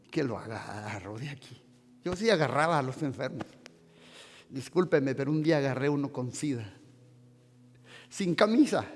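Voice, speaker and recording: A male pastor preaching a fervent sermon in a church, swinging between shouts and hushed storytelling. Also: medium pitch, big-room sound.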